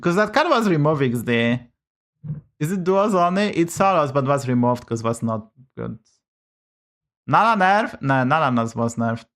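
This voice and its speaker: Animated and a bit bright, his fairly high voice moves at a moderate pace. He's a native Polish speaker with a Polish accent who streams games from a home setup, swearing a lot, speaking bluntly and griping about bugs in casual commentary.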